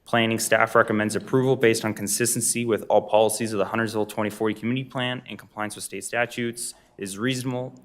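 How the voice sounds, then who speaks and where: A man reads a formal staff report to a town board. His voice sits fairly low as he presents for the planning department. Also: steady tone, fast talker, few pauses. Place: public town board meeting.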